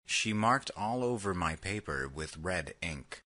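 Deep husky guy reading vocab sentences slow, bright edge to it, voice swings up and down a lot. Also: expressive. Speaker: vocabulary lesson reader. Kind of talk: slow read example sentences.

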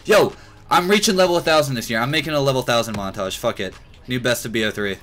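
A man's voice: medium pitch, fast talker, a bit bright, a little hiss or hum. A young man in casual, profane, frat-bro gaming commentary on a stream. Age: young adult. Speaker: gamer streaming a shooter. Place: online voice chat over game play.

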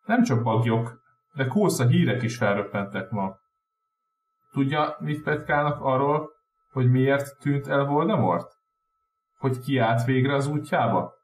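Brief: man reading as a strict elderly woman professor, stammering, higher and slow, roomy echo. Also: lively intonation, recorded from a distance, lightly acted. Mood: anxious. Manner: stammering when upset. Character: stern, anxious older female professor.

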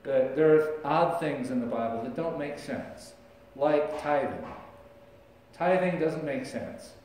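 A man's voice: on the high side, lively intonation, slow pace, a little mellow, recorded from a distance, a little hiss or hum. A middle-aged man preaching a sermon as pastor, talking in a conversational way and gesturing as he speaks. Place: church sanctuary, large indoor room. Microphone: far camera, no visible mic. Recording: echoey church recorded from afar.

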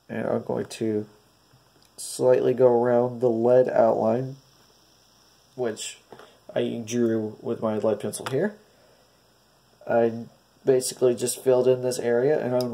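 A stuffy, nasal man narrates a casual craft tutorial, his mellow voice carrying a gravelly fry. He talks through each step in a hesitant, hopeful way. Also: medium pitch. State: stuffy, congested. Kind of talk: casual DIY painting tutorial.

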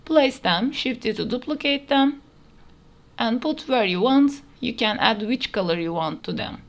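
Over a screen recording, a woman walks through a 3D modeling tutorial step by step, using simple instructional wording. Her voice is a little high and animated, and she takes her time.

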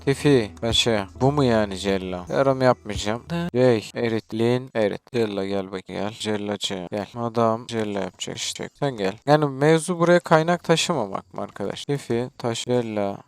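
A young man with a Turkish accent giving let's-play commentary, excitably calling to his game characters, cursing and joking. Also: fairly low pitch, normal speed, creaky, hardly any pauses, clear, resonant tone, no echo. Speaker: gaming YouTuber.

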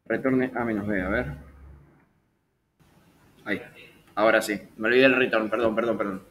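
A man leads a live programming class in a bright, forward voice. He talks in a loose, chatty way, stops to fix his own slips and jokes about them. A faint hiss of noise sits under the voice. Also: on the low side, steady tone, moderate pace. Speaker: programming teacher. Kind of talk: live online coding class.

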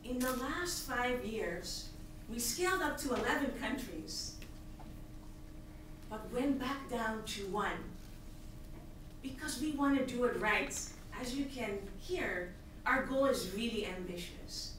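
With a fairly high, fairly bright voice, a Tanzanian nonprofit founder gives an earnest, emphatic pitch slowly and expressively, pointing to her slides. She stands at a podium in a large hall for the prepared speech, picked up by a podium mic but recorded from afar by an audience camera, leaving the sound echoey and hissy.

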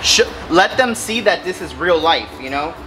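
Excitable man, high lively voice. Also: moderate pace, poor audio. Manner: excitable, joking, bursts of exclamations. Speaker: fishing channel host. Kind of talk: casual outdoor vlog chat. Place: outdoors under a concrete bridge by water. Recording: background music under the talk. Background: music.

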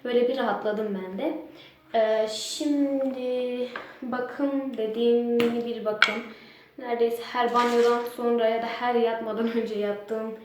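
A young woman chatting her way through a bedtime routine, and her fairly high voice rings with a heavy cave-like echo off the bathroom walls. She thinks aloud as she goes, and there is a faint hiss under the sound. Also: steady tone, measured pace. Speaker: beauty vlogger. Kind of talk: casual chat walking viewers through a bedtime care routine. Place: home bathroom at night. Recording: very echoey bathroom, faint noise.

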